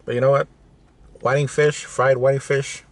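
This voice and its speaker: A man's voice: medium pitch, level tone, moderate pace. Man chatting casually with his mouth full. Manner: talking with mouth full between bites while eating crispy fish and chips. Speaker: food vlogger. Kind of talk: casual eating-show chat to camera. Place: inside a parked car. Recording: noisy in-car camera audio.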